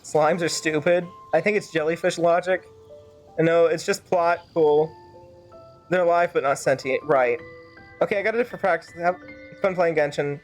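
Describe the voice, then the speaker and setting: A young woman streams a game, offering casual live commentary and musing aloud in a rambling way. Her pitch is fairly low and her pace moderate, with faint game music playing behind her.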